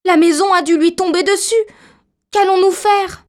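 A woman's voice: very high voice, animated, a little slow, voice pushed up. Dorothée, a woman playing a timid little girl. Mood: dismayed. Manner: startled, exclaiming.

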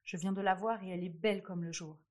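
A woman's voice: fairly low pitch, steady tone, quick pace, close to an everyday voice. Woman voicing a chirpy fairy mouse. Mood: eager. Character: good fairy in mouse form, female, cheerful.

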